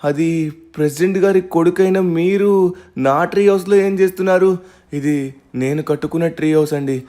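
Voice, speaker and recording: A hard-working young hero narrates to viewers in a game role-play dub, voiced by a man. He speaks in a fairly high register and flares up quickly when crossed. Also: warm tone, lightly acted. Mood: pleading. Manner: talks straight to viewers, quick to anger. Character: hard-working young man defending his tree house. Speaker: main character and narrator.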